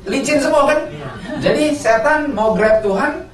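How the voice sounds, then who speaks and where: A man's voice: very high voice, measured pace, some chatter behind. A man preaching a sermon, asking his congregation questions and answering them himself. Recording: roomy, from a distance, faint ambience.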